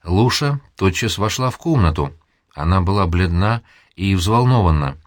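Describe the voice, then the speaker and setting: A man calmly reading a novel aloud as the audiobook narrator. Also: low voice, normal speed, dry recording, clean studio sound.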